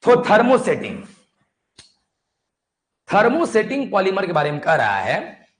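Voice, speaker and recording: A man's voice: high voice, wildly swooping pitch, a little slow. A male chemistry tutor, lecturing a class, repeating himself and urging students to write, with joking dialect asides. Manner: coaxing and repetitive, keeps urging students to write; banters and jokes with the class in dialect. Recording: echoey classroom.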